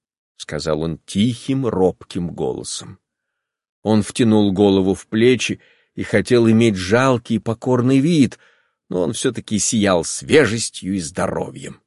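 Low-voiced man reading a novel. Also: darkish tone, dry recording, clean studio sound. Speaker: audiobook narrator. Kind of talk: literary audiobook narration.

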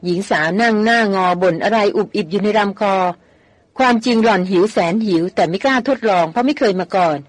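A woman's voice: mid-range voice, a little fast, dry recording. Style: audiobook. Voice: woman narrating a novel, dry sound. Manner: even, storytelling delivery. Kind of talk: novel read aloud.

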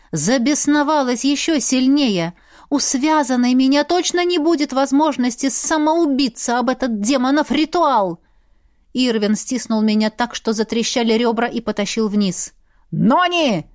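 A woman reading a first-person fantasy audiobook in a steady, expressive storytelling voice. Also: high voice, normal speed, no echo, studio quality. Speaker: audiobook reader.

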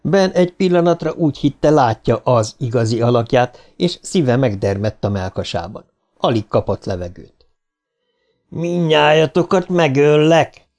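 A man's voice: mid-range voice, lively intonation. A man narrating a horror novel as a dramatic audiobook reading. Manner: vivid, rising for shouted lines.

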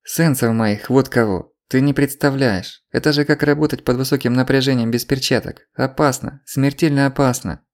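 A man's voice: mid-range voice, steady tone, moderate pace, few pauses, pitched above the performer's own voice, natural voice. A man reading an audiobook, voicing a panicky, breathless middle-aged man who wails down the phone. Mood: alarmed. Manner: wailing, rattled.

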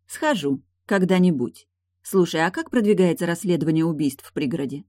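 A woman reading an audiobook, voicing a brash, sharp-tongued retired guardswoman who is mocking, blunt and pushy. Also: lowish voice, expressive, a little fast, no echo, studio quality, natural voice. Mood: scheming.

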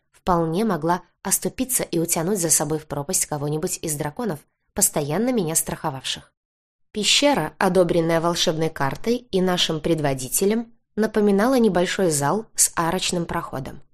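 A woman's voice: on the low side, darkish tone. A woman narrating a first-person fantasy audiobook, lightly voicing the characters' quoted lines.

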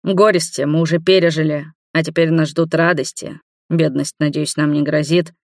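A reader voicing an earnest older man, just out of hospital, pleading softly. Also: on the high side, flat delivery, normal speed, no room sound, clean studio sound, natural voice. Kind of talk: audiobook dialogue.

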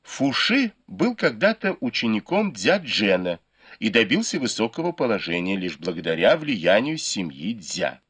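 A man narrating a classic novel as an audiobook, in measured storytelling. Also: fairly low pitch, very animated, fairly bright tone, slightly rough, no echo. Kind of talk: scripted narration.

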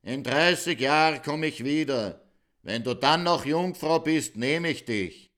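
A man voicing a brash, crude, reckless king who barks slow, emphatic commands. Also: mid-range voice, fairly bright tone, close to an everyday voice. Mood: bossy.

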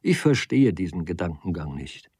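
A man reading the lines of a quick-tempered male doctor who speaks sharply and indignantly in a storybook. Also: deep voice, sing-song, darkish tone, breathy edge, no room sound, exaggerated voice.

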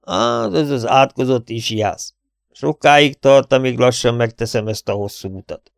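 A man's voice: mid-range voice, expressive, creaky, dry recording, clean studio sound, voice pushed up. A man voicing a polite, grateful old farmer who speaks in a deferential way. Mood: humble.

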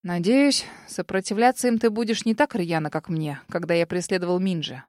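A blunt male police commissioner in an audiobook, gruff and scolding, speaking plainly and bluntly, as a woman puts him on. Her reading is dry and close. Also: on the low side, a little fast, darkish tone, no echo, close to an everyday voice.

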